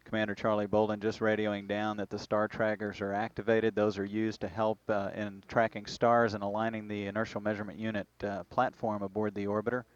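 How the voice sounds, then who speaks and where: A man's voice: lowish voice, little pitch movement, a little fast, few pauses, dry recording. A man delivering live spaceflight status commentary from mission control in a formal, matter-of-fact way. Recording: dull lo-fi broadcast feed.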